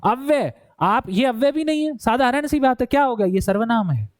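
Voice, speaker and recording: A man coaching students for a Hindi exam, calling them "bhai" and slowly repeating words to show how they are pronounced. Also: very high-pitched, expressive, no echo. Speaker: exam prep teacher. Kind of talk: explaining Hindi grammar for an exam.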